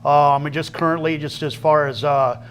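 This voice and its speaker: A man's voice: a little high, fairly even intonation, moderate pace, slight background noise. Earnest, folksy man as a talk show guest. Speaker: guest, outreach coordinator. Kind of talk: casual interview chat.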